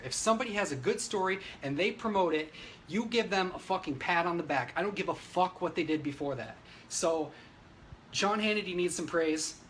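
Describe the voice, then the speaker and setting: Host: man, high voice, blunt heated profane rant, faint background hiss. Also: fairly bright tone. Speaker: live-stream host. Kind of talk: ranting live stream.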